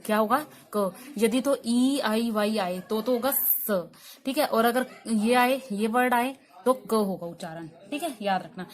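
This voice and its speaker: A woman's voice: on the high side, measured pace. Woman teaching, spelling words out. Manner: explains patiently, spells words out letter by letter, repeats "ठीक है" often. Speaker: English teacher. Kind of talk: online pronunciation lesson.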